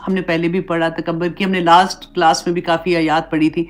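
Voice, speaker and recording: Woman teacher with a fairly low voice, explaining religious rules in a relaxed, chatty way. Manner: conversational, mixes English words into explanations. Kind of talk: Islamic class lesson.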